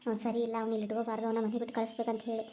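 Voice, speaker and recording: Woman as aunt, middle-aged, worried grumbling, brisk, soft-toned. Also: fairly high pitch, monotone, slight background noise, natural voice. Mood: fretful. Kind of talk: cartoon serial voice acting.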